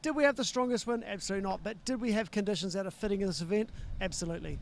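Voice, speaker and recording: A man's voice: high voice, racing, creaky, slight background noise. A man co-hosting a live outdoor event at night, talking enthusiastically with emphatic repetitions. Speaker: event co-host. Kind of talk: live event commentary and interview.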